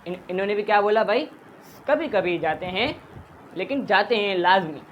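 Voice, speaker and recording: A man's voice: high voice, lively intonation, moderate pace, highs cut off, a little hiss or hum. A man teaching a math lesson, patiently explaining steps, counting aloud and mixing in English terms. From Pakistan.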